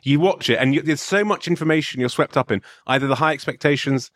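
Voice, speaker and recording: A man's voice: on the high side, quick pace, fairly bright tone, no room sound, studio quality. A man with a modern British RP accent, hosting a comedy podcast with casual, rambling, mock-persuasive banter.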